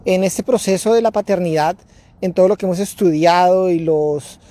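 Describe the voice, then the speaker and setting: Mellow-voiced man musing outdoors. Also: high voice, normal speed. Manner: thoughtful, repeats and restarts words. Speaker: parenting podcast host. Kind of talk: casual reflective monologue. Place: outdoors in a residential neighborhood.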